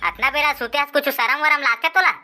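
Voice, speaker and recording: A woman voicing a sharp-tongued village mother in a cartoon, scolding her son with a Chhattisgarhi accent. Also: sits high, brisk. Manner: scolding, threatening.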